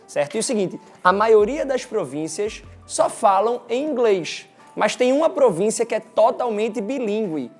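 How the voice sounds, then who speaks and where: A man with a Recife accent, presenting an informal explainer for an exchange agency and talking straight to his viewers with lively emphasis. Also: high voice. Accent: Recife, Brazilian Portuguese.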